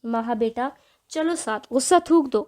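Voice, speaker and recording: A woman's voice: fairly high pitch, darkish tone, close to an everyday voice. A woman reading a patient soothing mother-in-law. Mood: coaxing.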